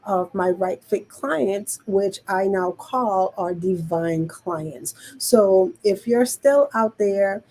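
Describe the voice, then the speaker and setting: A woman's voice: mid-range voice, slow, few pauses, warm tone. A woman with a Caribbean island accent, teaching conversationally as a show host, repeating phrases for emphasis and often checking in with her listeners. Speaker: show co-host, business coach. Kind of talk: conversational teaching talk to an online audience.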